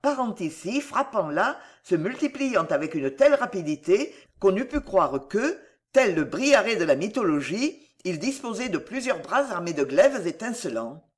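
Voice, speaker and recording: Expressive, theatrical audiobook narrator. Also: mid-range voice, moderate pace.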